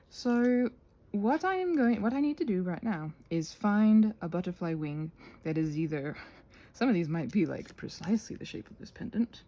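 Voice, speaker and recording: A woman channel host leads a rambling craft ASMR chat in a husky, fairly low voice. She's expressive, tentative and self-deprecating, and her talk meanders.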